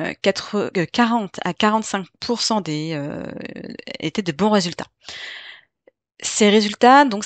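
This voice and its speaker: A woman hosting a solo podcast as a life coach, explaining calmly with frequent fillers, hesitations and self-corrections. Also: fairly low pitch, dry recording.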